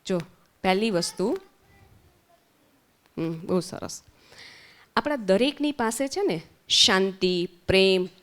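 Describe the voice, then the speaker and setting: A woman's voice: medium pitch, a bit bright, clean tone. A woman with a Gujarati accent teaching children at a summer camp, asking them questions and repeating their answers. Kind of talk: interactive lesson with children. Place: centre hall.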